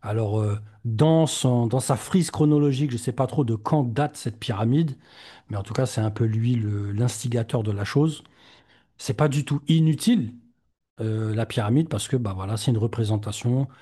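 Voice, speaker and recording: A man hosts a podcast in an easygoing chat. His voice is mellow and a little husky. He pauses often and fills the gaps as he goes. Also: mid-range voice. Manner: relaxed, hesitant with many fillers. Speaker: podcast host. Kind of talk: casual chat.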